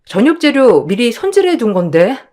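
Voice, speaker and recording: A woman's voice: on the high side, moderate pace. A woman narrating her own story and voicing herself as a hurt, pleading wife. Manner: expressive, hurt and pleading in dialogue.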